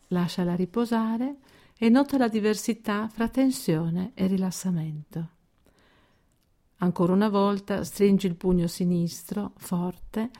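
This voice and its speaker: With deliberate pauses and a calm, measured manner, a woman delivers scripted progressive muscle relaxation instructions at a medium pitch.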